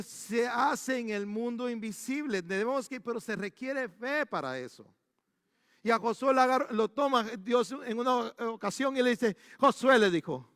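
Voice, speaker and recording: High-voiced pastor in a reverberant church. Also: male voice, clean studio sound. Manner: animated storytelling with frequent restarts. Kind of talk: storytelling sermon.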